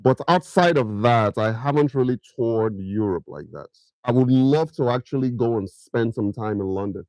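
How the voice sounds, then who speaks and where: Running a laid-back livestream, a middle-aged man from Nigeria keeps peppering viewers with questions and drifts into pidgin, his Nigerian accent clear. He speaks at normal speed with a medium-pitched, darkish voice and no echo.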